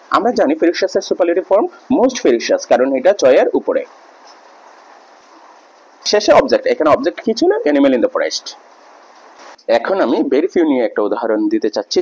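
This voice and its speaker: A man explains grammar rules step by step, repeating examples so students can follow. His voice has a husky edge, and his pitch rises and falls in a lively way. He keeps a patient, methodical teaching manner throughout.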